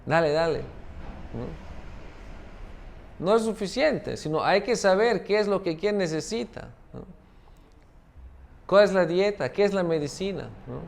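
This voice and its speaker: Gravelly-voiced man giving a spiritual talk. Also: high-pitched, animated, unhurried, long pauses, slight background noise. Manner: tag question "¿no?" after many phrases. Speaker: spiritual teacher. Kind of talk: devotional talk with a parable.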